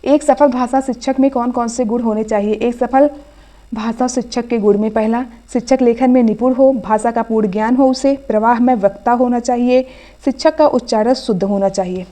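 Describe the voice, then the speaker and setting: A woman's voice: a little high, fairly even intonation, moderate pace, dark tone. A woman teaching an online exam revision class, reading out each question and then giving the answer. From India.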